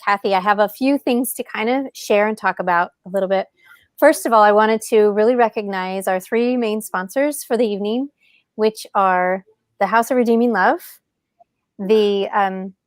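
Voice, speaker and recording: A woman's voice: fairly high pitch, no room sound. A woman hosting a live-streamed podcast conference, welcoming viewers with enthusiasm and greeting them by name. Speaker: podcast host.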